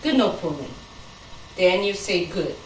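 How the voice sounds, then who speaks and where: A woman dog trainer calmly explaining how she corrects a puppy, giving short firm commands. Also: on the low side, unhurried, roomy sound, distant mic, a little hiss or hum, rough recording. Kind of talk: instructional chat during training.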